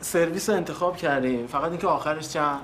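An actor playing a pushy, haggling male customer in a screen drama, insistent, colloquial and quick to take offence. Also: fairly high pitch, a bit bright, a little hiss or hum, lightly acted. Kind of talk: naturalistic screen drama acting.

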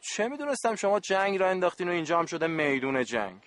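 A man's voice: sits high, big pitch swings, fairly bright tone, dry recording. A man playing a good-natured adult camp supervisor in a radio play, talking in a joking, exasperated, pleading way.

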